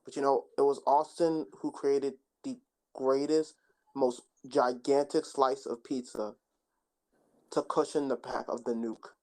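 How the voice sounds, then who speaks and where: A man's voice: mid-range voice, steady tone, measured pace, a little mellow. A young man co-hosting a casual podcast, spinning absurd jokes in a playful way. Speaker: podcast co-host. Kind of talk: casual joking chat.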